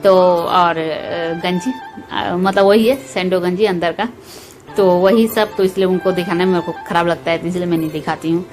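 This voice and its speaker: A woman's voice: fairly low pitch, fairly even intonation, normal speed. A woman, a mother, chatting homely and directly to her viewers as she walks them through cooking lunch at home. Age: adult, mother of school-age children. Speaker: home vlogger. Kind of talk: casual chat narrating a cooking routine. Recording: voice under loud background music.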